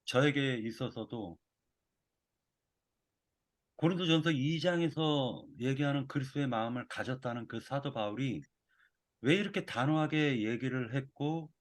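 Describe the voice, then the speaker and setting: A man delivering a sermon in a measured, reflective way. He often pauses and circles back to rephrase himself. His voice sits at an ordinary middle pitch for a man. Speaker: preacher.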